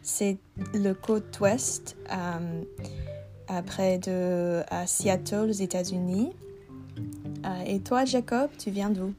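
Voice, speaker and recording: A young woman from Vancouver, co-hosting a podcast in learner French and pausing often to search for words. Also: mid-range voice, fairly even intonation, music in the background. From Vancouver, Canada. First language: English. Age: young adult. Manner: hesitant, many "euh" fillers. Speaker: podcast co-host. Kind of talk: casual chat in learner French.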